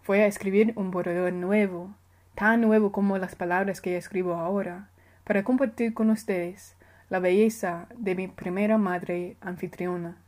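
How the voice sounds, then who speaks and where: In a mellow voice pitched in the mid-range, a writer carefully reads out a personal essay she wrote. She keeps a measured pace and occasionally corrects herself.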